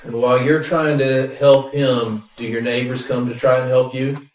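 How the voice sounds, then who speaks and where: A man's voice: mid-range voice, level tone, normal speed, darkish tone, slight background noise. A man acting as a lawyer, putting questions to a witness in a courtroom. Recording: echoey, distant courtroom microphone.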